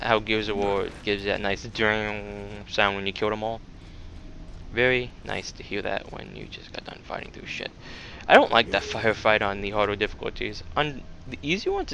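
A man giving casual, sweary, self-deprecating let's-play commentary, with soft R sounds that come out like w. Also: on the low side, creaky. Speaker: gaming video host. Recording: game music, gunfire behind voice. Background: game music, gunfire and vehicle sounds.

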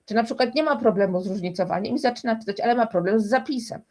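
A woman's voice: a little high, quick pace, darkish tone. A woman speaking as a guest expert in a conversational interview, explaining emphatically and restarting often.

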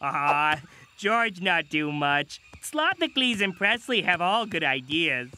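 A man's voice: on the high side, sing-song, takes it slowly, background noise. A man voicing a friendly, dim-witted jungle man in a cartoon, talking in earnest, broken third person. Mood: pondering. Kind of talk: animated cartoon acting.

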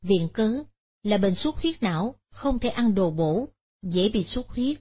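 Husky woman narrating a moral story. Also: medium pitch, animated, a little slow. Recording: dull lo-fi recording.

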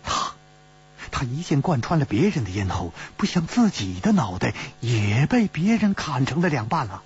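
A man's voice: mid-range voice, very animated, normal speed, breathy edge, exaggerated voice. A male storyteller voicing a teasing, worried young woman companion who chides and sighs, in a traditional storytelling audiobook. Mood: sighing. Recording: slightly dull recording with faint hum.

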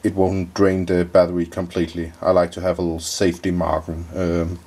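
A man giving a casual review of his hobby build, relaxed and full of fillers, talking at an indoor workbench. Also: low voice. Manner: relaxed, many fillers and pauses.

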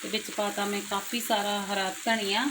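A woman's voice: mid-range voice, level tone, moderate pace. Chatty Punjabi woman, noisy home recording. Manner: chatty, repeats herself with tag questions. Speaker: homemaker vlogger and mother. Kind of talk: casual home vlog chat.

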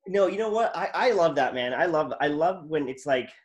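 A man's voice: fairly high pitch, lively intonation, brisk. A man hosting a casual interview, telling stories in an enthusiastic, rambling way. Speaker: podcast host.

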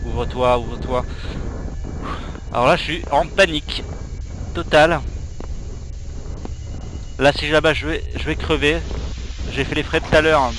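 A man's voice: on the high side, background noise. Young man, jittery gamer commentary. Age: young adult. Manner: jittery, exclaiming and muttering to himself. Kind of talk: let's play commentary of a horror game. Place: small room at home. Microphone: headset.

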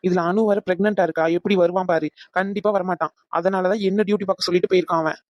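A brisk, matter-of-fact doctor, voiced by a woman, in a cartoon dub. The voice sits lower and moves quickly, dry and close to the mic. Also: steady tone, a little mellow, dry recording, muffled recording, close to an everyday voice. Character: practical hospital doctor, brisk.

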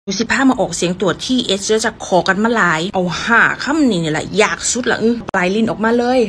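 A young woman with an Isan accent giving a playful, teasing pronunciation lesson and repeating words slowly. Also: medium pitch, a bit bright, slight background noise. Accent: Isan (Northeastern Thai). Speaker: pronunciation teacher.

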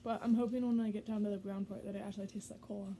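A woman's voice: mid-range voice, flat delivery, racing, warm tone, a little hiss or hum. A woman doing a casual food review, chatting and thinking aloud while chewing. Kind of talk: casual taste-test chat.

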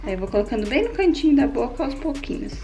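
A woman's voice: sits high, sing-song, fast, mellow. A young mother, chatting casually at home and doting on her baby. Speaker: mother and vlogger. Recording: background music.

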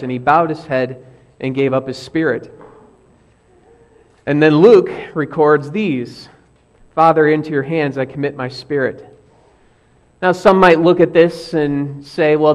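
A man preaching a sermon as pastor, telling stories and quoting famous last words with lively emphasis. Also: a little high.

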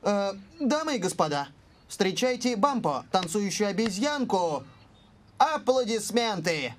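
A man playing an excitable cartoon boy who presents an act to a crowd in a showy ringmaster manner. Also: high-pitched, a little slow. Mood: showy announcing. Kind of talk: cartoon dub acting. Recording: music behind the voice.

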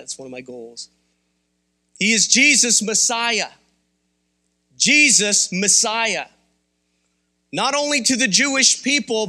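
High-voiced, bright-toned man preaching. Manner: conversational, candid, rousing. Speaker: pastor. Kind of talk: sermon. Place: church sanctuary.

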